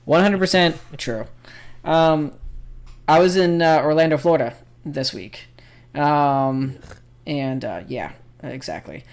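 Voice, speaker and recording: A man's voice: on the high side, slow. Rambling man chatting on a podcast. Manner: rambling storyteller with many fillers. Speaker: podcast co-host. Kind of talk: casual chat.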